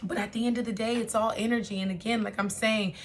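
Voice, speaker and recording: A woman's voice: a little high, fairly even intonation, quick pace, a little hiss or hum. An American woman speaking informally to viewers as a spiritual guide, in an emphatic, exhorting and familiar way, repeating phrases and checking in with her listeners. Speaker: spiritual reader and online guide.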